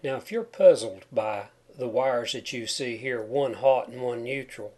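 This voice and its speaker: Guy explaining a diy how-to step by step, normal pitch, whistles on his s's cause of a chipped tooth. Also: a little slow, darkish tone. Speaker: DIY home wiring instructor. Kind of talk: narrated how-to tutorial over photos.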